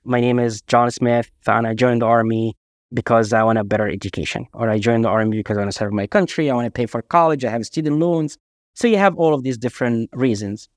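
A man from Egypt, a guest author telling emphatic, animated anecdotes in a casual interview. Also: mid-range voice, fast, no room sound, studio quality. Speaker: guest, author and army veteran.

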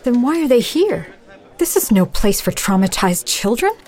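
Proper earnest society lady reformer in a period drama, slightly high voice, very articulate. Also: sing-song, normal speed, a little mellow. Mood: concerned, indignant. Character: well-bred, determined female reformer, indignant.

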